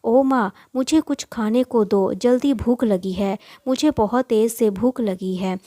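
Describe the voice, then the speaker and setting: A spoiled, greedy boy barks out demands in a storybook tale, as a woman puts him on. The tone is warm and mellow, and the voice sits fairly high. It is recorded close and dry. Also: measured pace, dry recording, natural voice. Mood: demanding. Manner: demanding, whiny. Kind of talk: storybook voice acting.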